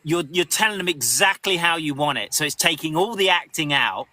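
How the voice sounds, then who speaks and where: A male voice actor answers questions in a live interview, his voice bright and forceful. He talks animatedly, restarting phrases as he goes. The pitch sits a bit above average. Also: fairly quick. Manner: animated, lots of restarts, acts out quotes.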